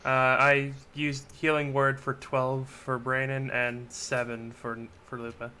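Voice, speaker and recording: A man plays a tabletop game, brisk and practical in his replies. His voice is sharp and bright, with a faint hiss behind it. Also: mid-range voice, monotone. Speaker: player. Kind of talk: casual role-play chat.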